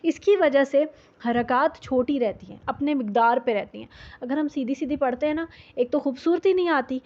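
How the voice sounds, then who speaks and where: A woman's voice: high-pitched, a little mellow. A woman teaching Quran recitation rules, explaining patiently and repeating sounds to demonstrate them. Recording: dull lo-fi audio.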